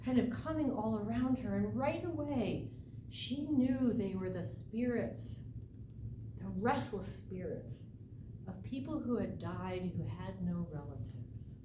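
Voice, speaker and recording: Female oral storyteller, dramatic and unhurried, recorded from a distance in an echoey, noisy room. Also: medium pitch, animated. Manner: dramatic, deliberate, with emphatic phrases and pauses. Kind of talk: live oral folk tale telling.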